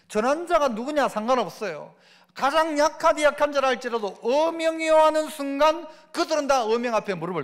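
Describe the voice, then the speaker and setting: A male pastor preaches a Sunday sermon, constantly throwing rhetorical questions to his congregation. His voice sits unusually high for a man. It carries through a microphone with a long church reverb. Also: a bit bright. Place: church sanctuary.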